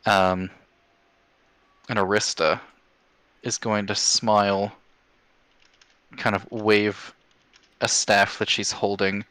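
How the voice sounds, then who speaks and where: A man's voice: fairly low pitch, level tone, takes it slowly, pauses often, sharp tone, clear, resonant tone, dry recording. A man narrating a tabletop game as game master, in an informal, sweary way.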